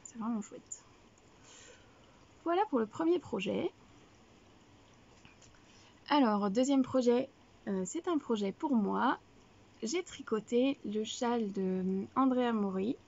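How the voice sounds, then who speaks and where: Chatty woman with a gravelly edge. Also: fairly high pitch, expressive, slow pace, long pauses, darkish tone, lo-fi sound. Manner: chatty and rambling, many fillers and self-corrections. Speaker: knitting podcast host. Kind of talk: casual video podcast chat. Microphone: camera, showing items to viewers.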